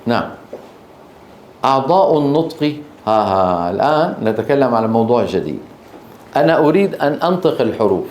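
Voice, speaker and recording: A man teaching a class on Quran recitation. He explains slowly, repeats key terms and keeps checking that students are following with short questions. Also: medium pitch, sing-song, darkish tone, a little hiss or hum. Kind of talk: classroom lecture.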